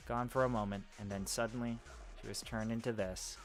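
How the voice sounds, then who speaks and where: A man's voice: fairly low pitch, steady tone, fairly quick, soft background music. A man playing through a visual novel and reading every character's lines aloud, switching between put-on voices and sometimes hammy accents. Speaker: let's play host reading game dialogue aloud.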